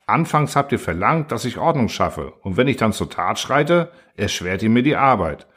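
A man's voice: fairly low pitch, normal speed, breathy edge, full character voice. A man voicing a cold, lecturing machine ruler. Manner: calm, condescending, lecturing.

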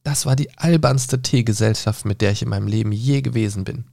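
A man's voice: on the low side, fairly quick, creaky, dark tone, dry recording, studio quality. A man voicing a polite, curious young girl who is easily indignant, in a raised, slightly prim voice.

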